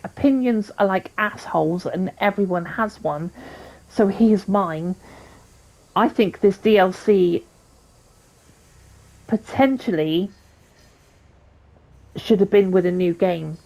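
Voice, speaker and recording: A woman hosting a trucking game channel, giving her opinion in a chatty, thankful way and sounding a little hoarse. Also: fairly low pitch, darkish tone, highs cut off. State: slightly losing her voice. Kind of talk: casual video commentary and sign-off.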